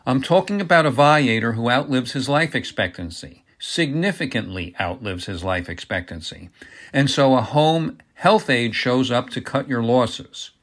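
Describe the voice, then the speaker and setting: A man reading the part of a calm, hard enforcer who speaks in a dry, level, quietly menacing way. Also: mid-range voice, moderate pace, lightly acted. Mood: probing.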